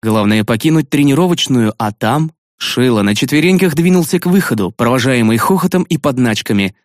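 A man narrating a fantasy audiobook in the first person, sardonic and expressive, with sudden jumps in pitch. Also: brisk, dry recording, studio quality.

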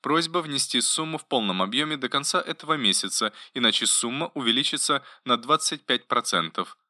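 A man reading an audiobook, voicing a gentle, caring female robot assistant in a pleasant, politely attentive voice. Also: mid-range voice, lively intonation, brisk, dry recording, studio quality, voice pushed up. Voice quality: pleasant, solicitous voice. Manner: softly attentive, politely informative. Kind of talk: audiobook narration.

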